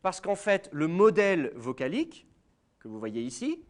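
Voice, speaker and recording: A man's voice: fairly high pitch, huge pitch swings, normal speed. A man with a French accent giving a university lecture, explaining to students directly, with many fillers. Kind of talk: classroom lecture.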